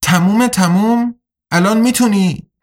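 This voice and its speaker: A woman's voice: medium pitch, pitched above the performer's own voice, lightly acted. A man voicing a worried woman supervisor. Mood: anxious. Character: weary stern female coach and supervisor.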